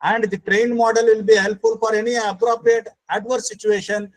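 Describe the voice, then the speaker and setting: Higher-pitched Indian-accented man, emphatic lecturer. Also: level tone, normal speed, rough recording. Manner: emphatic, repetitive, frequently says sir. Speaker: speaker at a faculty training session. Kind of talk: explanatory online lecture and Q&A. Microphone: online call microphone.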